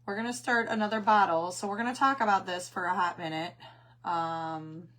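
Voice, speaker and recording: A woman with a hoarse, failing voice that cuts in and out, chatting casually as she hosts a craft livestream and greets her viewers. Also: medium pitch, steady tone, moderate pace, a bit bright. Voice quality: hoarse, voice cutting in and out. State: losing her voice after coughing.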